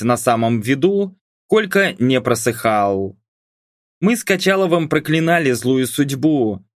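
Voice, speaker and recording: A man's voice: medium pitch, dry recording. A male audiobook narrator with a mid-range voice, reading a novel expressively. The recording is dry and close, with no room sound. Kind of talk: scripted narration.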